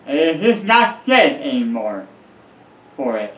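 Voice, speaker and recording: A man's voice: medium pitch, sing-song, unhurried. A middle-aged man giving earnest, repetitive advice straight to camera from a room at home. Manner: earnest, repetitive, calls himself by a nickname. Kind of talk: direct-to-camera advice vlog. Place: small room at home, leather armchair by a bookshelf. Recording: echoey small room.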